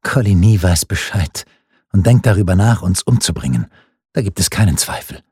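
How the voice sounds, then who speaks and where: Male reader voicing a scheming older queen; husky, hard and commanding, lively in pitch, storybook. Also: moderate pace, no echo, clean studio sound, exaggerated voice. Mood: cold scheming.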